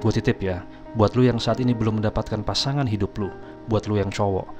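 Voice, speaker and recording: A man's voice: lowish voice, steady tone, fairly quick. A man tells a personal story in a chatty vlog style, often addressing his audience directly. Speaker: motivational vlogger. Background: background music.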